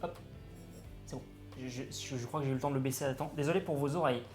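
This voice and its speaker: A man chatting excitedly with viewers while he cooks live, greeting and thanking them as he goes. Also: medium pitch, quick pace, faint music behind. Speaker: cooking streamer. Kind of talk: live-streamed cooking chat.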